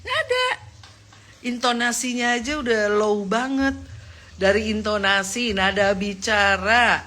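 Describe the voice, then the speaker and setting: A woman's voice: steady tone, measured pace, sharp tone. A woman chatting on a live stream, gossiping in a mocking tone and laughing often. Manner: mocking, laughs often, mimics others in a squeaky voice.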